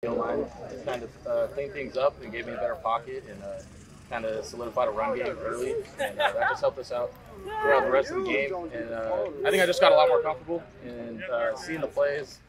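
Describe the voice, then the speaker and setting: A man's voice: mid-range voice, animated, fairly quick, over a noisy crowd. A young man answering post-practice interview questions as a college quarterback, in an earnest way. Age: young adult.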